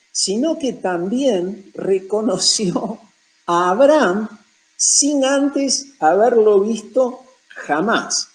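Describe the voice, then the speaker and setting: High-voiced Argentine man teaching the Bible. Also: a little mellow, poor audio. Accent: Rioplatense Argentine. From Buenos Aires province, Argentina. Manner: emphatic, lists points one after another.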